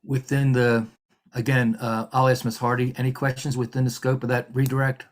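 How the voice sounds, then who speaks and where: This is a man acting as a hearing examiner, speaking over a video call. He moves through the proceedings carefully and politely. He often pauses on fillers and restarts his sentences. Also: medium pitch, level tone. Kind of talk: formal virtual hearing proceedings.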